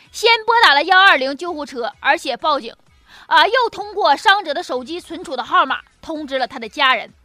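High, animated Northeastern Chinese woman comedian. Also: no room sound. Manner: chatty, folksy, often chuckling. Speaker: comedy talk show host. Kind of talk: comic monologue with jokes and anecdotes. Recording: music behind the voice. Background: music.

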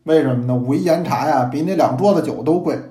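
A man, a teacher telling a historical story in a lively, playful storyteller's manner. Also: a little high, fast. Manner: lively, animated, playful asides to listeners. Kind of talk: storytelling in traditional narration style. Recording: echoey room.

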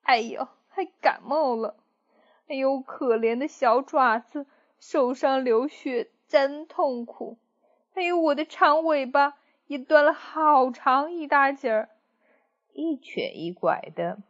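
A woman's voice: high voice, slow, highs cut off, voice pushed up. Woman doing a bragging big grey wolf. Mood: sorry for himself. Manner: groaning and sneezing, bragging. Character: boastful hungry male big grey wolf, hapless.

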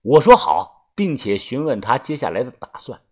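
Guy reading a novel aloud, husky voice, swings his pitch all over the place. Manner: lively storyteller with drawn-out filler particles. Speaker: audiobook narrator. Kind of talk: serialized novel narration.

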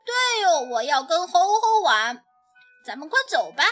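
A woman voicing an excited little boy dressed as a dinosaur in a storybook, talking high and eager. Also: unhurried, soft background music, full character voice.

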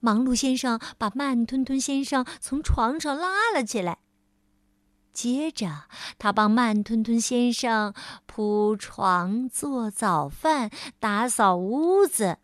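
A woman reading a storybook aloud to children, gentle and drawn-out, as a storyteller. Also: a little high, expressive, dry recording, studio quality.

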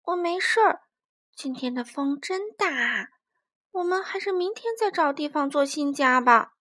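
A woman's voice: high-pitched, animated, moderate pace, sharp tone, no room sound, clean studio sound. A woman voicing a small, timid mole who frightens easily, in a storybook reading. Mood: relieved. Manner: timid, plaintive.

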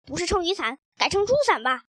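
A woman reading a children's story, voicing an excitable, playful father with loud, gleeful exclamations. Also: extremely high pitch, fast talker, exaggerated voice.

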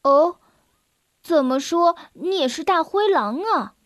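This is a brave young chick from a children's storybook, as a woman voices him. He sounds eager and bold, high and lively. The sound is dry and close. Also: slow pace, dry recording, exaggerated voice.

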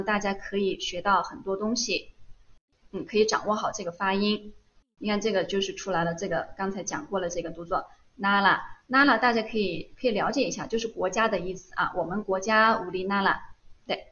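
A woman's voice: mid-range voice, a bit bright. A patient woman teaches an online class, often asking questions and then answering them herself. Her voice sits in the middle range, and the recording sounds slightly dull. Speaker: Korean language teacher. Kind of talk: online live lesson.

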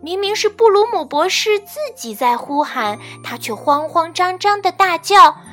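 A woman reading a children's storybook aloud, expressive and measured. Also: extremely high pitch. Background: faint children's music.

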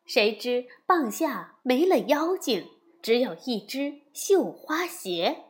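A woman telling a classic story to young listeners in an expressive narration. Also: high voice. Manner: slow, expressive, lively storytelling.

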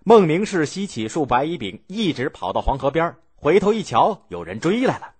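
A man narrating a historical story, animated and acting out the characters' lines as he goes. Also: fairly high pitch, moderate pace, slightly rough.

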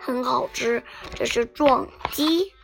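Brief: a woman reading a gruff but tender tyrannosaurus dad in a kids' storybook, hushed and gentle, slightly gravelly, with music behind. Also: high voice, takes it slowly, heavily acted.

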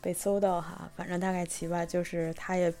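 A young woman from Tianjin, chatting through a personal story with many fillers and restarts, sometimes bursting with excitement. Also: fairly low pitch, normal speed. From Tianjin, China. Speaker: vlogger telling a personal story. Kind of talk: casual storytelling monologue.

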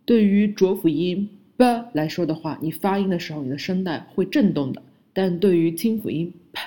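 A woman teaching English pronunciation, modeling words clearly one by one for the listener to repeat. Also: fairly low pitch, moderate pace, dark tone. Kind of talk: slow, deliberate phonics lesson.

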